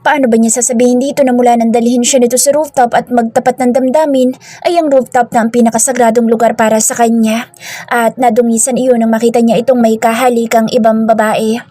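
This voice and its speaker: A woman with a high voice reads a romance story in a steady storytelling manner. The recording is dry and close, with faint music in the background. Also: fairly quick, no echo. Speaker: narrator. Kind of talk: scripted romance narration.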